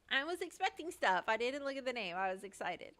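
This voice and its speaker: A woman chatting excitedly on a casual livestream, thinking aloud in slangy, chatty bursts. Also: on the high side, moderate pace.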